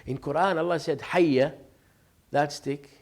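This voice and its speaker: This man's voice is a little high and slightly slow, with fairly even intonation and some vocal fry. He is a sheikh giving a casual religious lesson, chatting through stories, cracking jokes, laughing and performing bits of dialogue.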